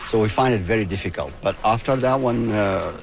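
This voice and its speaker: Interviewee: middle-aged man from Syria, very low voice, halting delivery. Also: creaky. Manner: halting, searching for words. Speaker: interviewee, mosque member. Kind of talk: casual interview answers.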